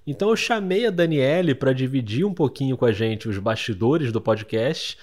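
A man's voice: mid-range voice, animated, moderate pace, a little mellow. A man hosting a podcast, introducing his guests in an enthusiastic and admiring scripted narration. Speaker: podcast host.

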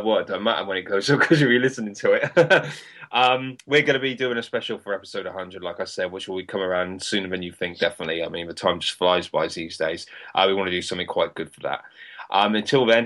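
Guy hosting a casual podcast, lowish voice, bit lethargic and hesitant, sounds like his mouth hurts. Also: a bit bright. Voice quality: slightly impeded by a sore mouth. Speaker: podcast host.

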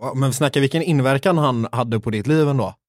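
A man's voice: mid-range voice, no echo, studio quality. A man hosting a casual podcast interview, asking questions and nodding along with short replies. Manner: engaged, frequent short affirmations. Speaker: podcast host.

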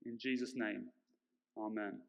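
A man leading a church prayer as pastor, earnest and measured, his voice carrying a big hall echo. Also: on the low side, fairly even intonation, creaky. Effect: big hall echo on his mic. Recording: echoey church hall mic.

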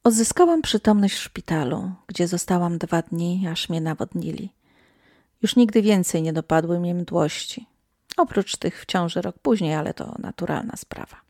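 A woman telling a first-person horror story in scripted narration, hushed and sometimes sinking to a whisper. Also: on the low side, normal speed, no echo, clean studio sound.

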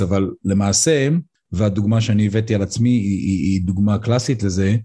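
Low husky man, hesitant speech. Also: mellow. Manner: hesitant, frequent "uh" fillers. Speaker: guest, emergency medicine physician. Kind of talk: podcast interview, personal account.

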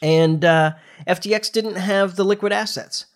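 A high-voiced middle-aged man hosts a podcast at a moderate pace, his speech nasal and congested due to a recent flu. He chats casually and explains news informally.

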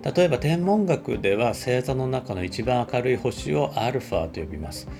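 A man, a computer scientist, giving an explanatory talk at a measured pace with frequent filler words. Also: mid-range voice, animated, creaky, music in the background.

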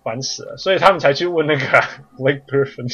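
A man's voice: medium pitch, moderate pace, a bit bright, husky, lo-fi sound. A man chatting casually about sports as a co-host, often slipping into English. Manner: code-switches between Mandarin and English.

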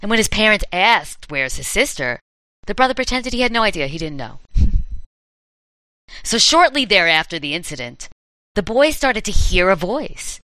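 A woman's voice: medium pitch, sing-song, normal speed, pushed and bright, no echo, low-quality recording. A woman hosting a chat, telling campfire horror stories in a dramatic, playful way. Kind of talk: storytelling in casual chat.

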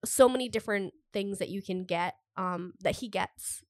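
A woman's voice: mid-range voice, moderate pace, no room sound, studio quality. Stuffy-voiced woman podcast co-host, gushing. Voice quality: stuffy, slightly congested voice. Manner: gushing, enthusiastic, heavy use of "like". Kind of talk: casual chat.

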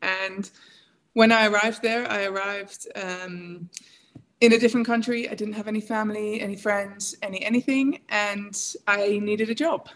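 Woman in her thirties, coach on a podcast, chatty and warm-toned. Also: mid-range voice, steady tone, moderate pace. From England. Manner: chatty, laughs often, many fillers. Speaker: guest, emotional intelligence coach. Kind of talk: casual interview talk.

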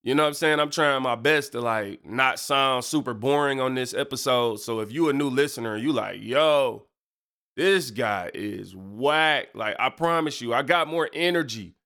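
On his relaxed faith podcast, a young Michigan preacher talks at normal speed in a medium-pitched, pushed, bright voice, clearly congested from a cold. The delivery is loose and slangy, heavy on fillers and asides.

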